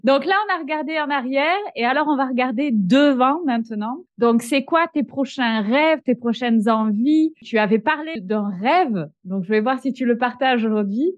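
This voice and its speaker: A woman's voice: high-pitched, moderate pace, hardly any pauses, dry recording, muffled recording. A woman hosting a podcast, chatty and affirming, talking things through with her guest. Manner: warm-hearted, chatty, affirming. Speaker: podcast host. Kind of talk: casual interview chat.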